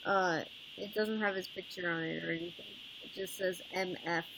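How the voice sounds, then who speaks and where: A woman's voice: lowish voice, steady tone, normal speed, noisy background. A woman in her twenties hosting a casual livestream chat, blunt and swearing freely, squealing when grossed out. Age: 20s. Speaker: livestream host.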